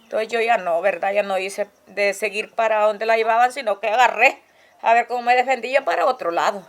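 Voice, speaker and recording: An older woman giving testimony in a halting way, often checking in with her listener. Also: a little high, fairly bright tone. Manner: halting, tagging lines with "¿verdad?". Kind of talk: spoken testimony in a documentary. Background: music.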